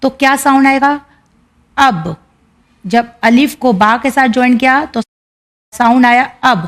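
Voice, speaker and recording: Patient woman teaching reading, higher voice. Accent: Indian Urdu. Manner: patient, repeats syllables slowly and clearly. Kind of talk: teaching lesson.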